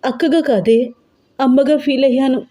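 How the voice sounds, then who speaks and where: A woman reading as a weeping older sister in a wheelchair, pregnant and protective of her sibling. She pleads in a high, mellow, soft-edged voice. A storybook figure. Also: normal speed, close to an everyday voice.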